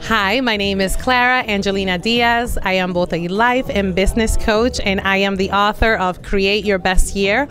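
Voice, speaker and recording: Against a plain wall at an indoor event, a life and business coach in her forties speaks earnestly into a handheld mic for a testimonial interview, full of fillers. Her voice is mid-range and fairly bright, at a moderate pace with hardly any pauses, over soft background music.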